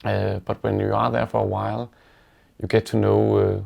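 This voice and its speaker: Heavy fry colors this Danish man's low, gravelly voice as he reminisces casually. His accent is Danish, and his flat, unvaried delivery is halting and thoughtful, like a relaxed interview.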